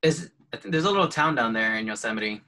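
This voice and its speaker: A man's voice: medium pitch, expressive, quick pace, sharp tone, rough recording. A man talking about his photography on a video call, hesitant and easygoing, with lots of ums and restarts. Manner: hesitant, full of fillers and restarts, laughs lightly. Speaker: photographer guest. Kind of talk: casual video call chat.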